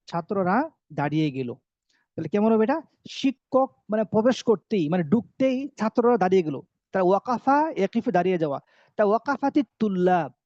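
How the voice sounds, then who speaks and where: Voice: mid-range voice, darkish tone, no echo. Arabic teacher drilling phrases, asks then answers himself, kinda muffled dry audio. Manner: asks questions and answers them himself, repeating phrases slowly. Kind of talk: recorded Arabic lesson explained in Bengali. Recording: dull, dry lo-fi recording.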